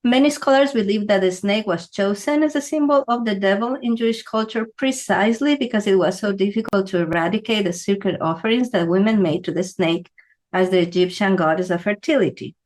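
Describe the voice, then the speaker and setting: A chatty feng shui teacher from Ecuador gives an explanatory talk to camera, speaking conversationally and asking "right?" often. Her voice has a medium pitch and a darkish tone, and she talks fairly quickly.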